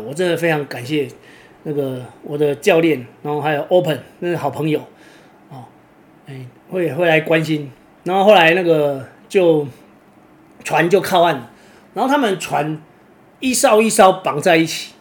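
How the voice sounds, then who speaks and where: A man with a Taiwanese Mandarin accent telling a personal story casually, rambling and filling pauses with drawn-out "oh"s. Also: fairly high pitch. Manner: rambling, fills pauses with drawn-out "oh"s, restarts words. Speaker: kitesurfer vlogger.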